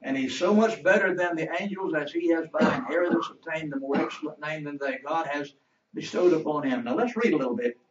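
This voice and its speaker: A man's voice: fairly high pitch, a little fast, background noise. Male Bible teacher, questioning class; distant, roomy, dull church recording. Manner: asks the class questions and waits for answers. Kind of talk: interactive Bible lesson.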